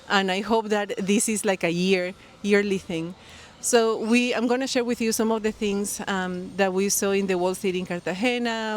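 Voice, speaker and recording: Her talk is a casual, rambling vlog to camera, friendly and peppered with fillers and restarts, recorded outdoors by a pool near the beach with birds and people around. The speaker is a Colombian knitting podcast host with a Colombian accent and Spanish as her first language. Her female voice is medium-pitched, and there is slight background noise.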